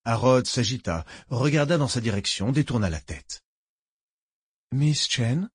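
A man reading a novel aloud as narrator, in a measured, solemn way. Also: mid-range voice, expressive, slightly rough, dry recording, studio quality. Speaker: audiobook narrator. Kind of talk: audiobook narration.

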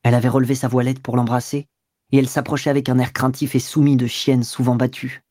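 A man narrating a classic novel in a measured, even storytelling voice. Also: medium pitch, no room sound, clean studio sound. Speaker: audiobook narrator. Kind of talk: literary audiobook narration.

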